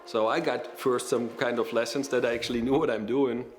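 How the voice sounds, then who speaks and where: A man in his forties with a German accent, telling his story in a documentary interview, measured and pausing with fillers. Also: medium pitch, fairly even intonation, faint music behind. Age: 40s. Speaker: pilot and flight school owner.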